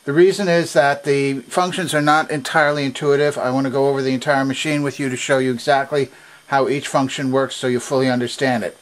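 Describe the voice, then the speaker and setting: A man demonstrating a vintage machine at a workshop workbench gives precise, methodical instructions. His medium-pitched voice has little pitch movement and moves a little fast.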